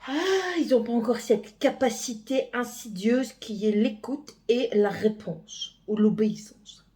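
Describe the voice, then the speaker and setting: A mother chatting casually in a home vlog, rambling and hesitant, with lots of pauses as she talks. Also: fairly high pitch, animated, mellow.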